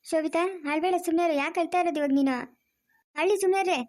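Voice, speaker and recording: A woman's voice: very high-pitched, darkish tone. A woman voicing an argumentative grown daughter in a cartoon family drama, pleading and insistent. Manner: pleading, insistent, fast-talking.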